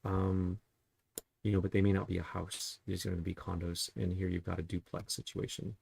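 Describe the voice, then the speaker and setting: Man, real estate agent, very gravelly, husky, casual listing walkthrough, chatty, dry sound. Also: low-pitched, flat delivery, normal speed, a little mellow, dry recording. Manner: chatty, asks rhetorical questions. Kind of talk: casual market review while browsing listings.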